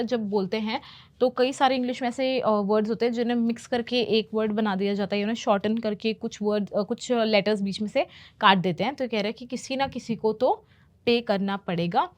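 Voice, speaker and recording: A woman teaching English, patiently explaining movie phrases and repeating them slowly. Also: a little high. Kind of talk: explaining movie lines in a lesson.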